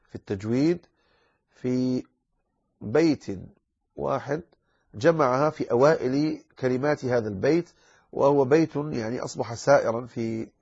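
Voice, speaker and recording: A man teaching a lesson on Quran recitation rules. He explains calmly, then stretches out words slowly to demonstrate. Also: mid-range voice, breathy edge, muffled recording. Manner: calm explanation, then slow drawn-out demonstrations. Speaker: tajweed teacher.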